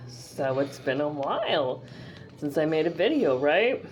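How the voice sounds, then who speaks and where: A woman's voice: low-pitched, sing-song, measured pace, slight background noise. A woman from the northeastern US talking casually to her camera in a chatty, rambling way, full of fillers and restarts. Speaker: vlogger.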